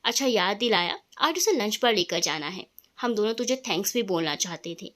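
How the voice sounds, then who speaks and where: A woman's voice: medium pitch, lively intonation, moderate pace, a bit bright, voice pushed down, natural voice. Woman reading as a teasing young husband. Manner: teasing, affectionate. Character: playful young man, teasing loving husband.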